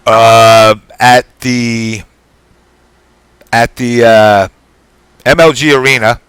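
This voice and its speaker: A man's voice: mid-range voice, steady tone, very slow, fairly bright tone, clear, resonant tone, dry recording. A man hosting a live online talk show in an informal, rambling way. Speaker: show host.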